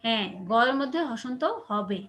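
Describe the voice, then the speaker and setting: A woman's voice: fairly high pitch, normal speed, a bit bright. A woman teacher explaining a grammar lesson to her class, patiently asking whether they follow. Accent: Bangladeshi Bengali. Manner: explains patiently, asks checking questions. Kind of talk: online class lecture.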